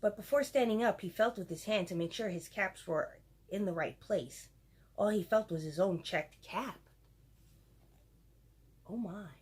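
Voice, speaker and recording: A woman's voice: medium pitch, moderate pace, darkish tone, slightly rough. A woman reading a picture book aloud to children and adding chatty asides to her listeners. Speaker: storyteller for children.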